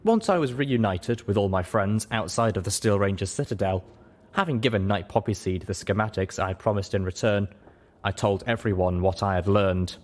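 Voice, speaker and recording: With faint background noise behind him, a male narrator reads a scripted first-person fan fiction story as an audiobook would. He speaks at a moderate pace in a fairly low-pitched voice.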